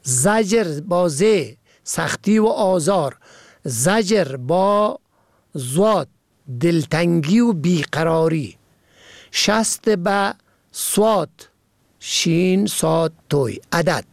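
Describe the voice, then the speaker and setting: High-voiced man. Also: lively intonation, gravelly, no echo, studio quality. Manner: measured, spells out words letter by letter. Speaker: language teacher. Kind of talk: scripted vocabulary and usage lesson.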